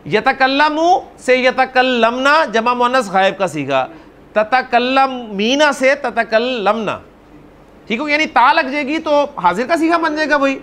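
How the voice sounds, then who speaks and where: A man teaching an Arabic grammar class, explaining patiently, calling on students by name and repeating words slowly. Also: very high voice, lively intonation, sharp tone.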